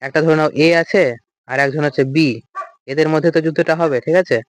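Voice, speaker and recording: A man's voice: on the high side, fairly even intonation, fast talker, no room sound. A man teaching an English vocabulary lecture, explaining step by step and asking and answering his own questions. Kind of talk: recorded lecture.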